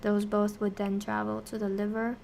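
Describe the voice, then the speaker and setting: Casting: female streamer-tutor, mid-range and fairly even voice, casual self-directed explanations, some background noise. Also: mid-range voice, normal speed, creaky. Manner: talks to herself while working through answers. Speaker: streamer teaching biochemistry. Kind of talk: casual study-stream explanation, question and answer.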